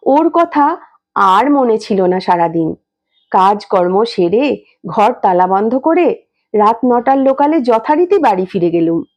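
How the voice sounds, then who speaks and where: A woman reading a story aloud in an expressive, lively way, shifting her tone often. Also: on the high side, unhurried. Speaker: story reader. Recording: dull lo-fi recording.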